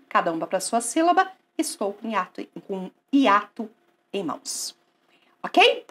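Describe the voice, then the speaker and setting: A woman teaching a grammar lesson online, asking and answering her own questions in a coaxing, lively way. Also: a little high, husky.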